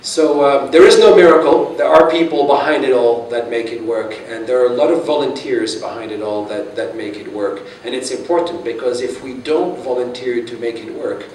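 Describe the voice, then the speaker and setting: A man's voice: medium pitch, moderate pace, few pauses, darkish tone. A man gives a conference talk in a chatty, self-deprecating way, often restarting his sentences. He sounds distant, and his voice echoes around a large hall. A faint hum of room sound runs under him. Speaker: conference speaker.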